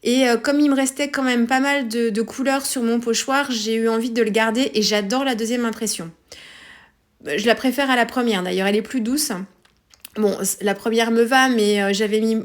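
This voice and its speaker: A French-accented woman narrates her craft tutorial in a relaxed, chatty voice. She often pauses on fillers and corrects herself mid-sentence. Her voice sits a little high for a woman. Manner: hesitant, many fillers and self-corrections. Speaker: scrapbooking tutorial host. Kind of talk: casual craft tutorial voice-over.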